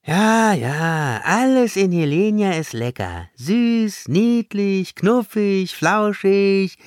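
A man's voice: a little high, huge pitch swings, unhurried, husky, no echo, studio quality, pitched above the performer's own voice, exaggerated voice. A man voicing a grumpy, sarcastic young girl villain in an audiobook. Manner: sarcastic, disgusted, drawling.

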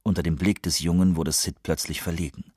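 Male narrator, low and husky, dry studio read, measured storytelling. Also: fairly even intonation, no echo. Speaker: audiobook narrator. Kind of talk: scripted audiobook narration. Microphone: close studio mic.

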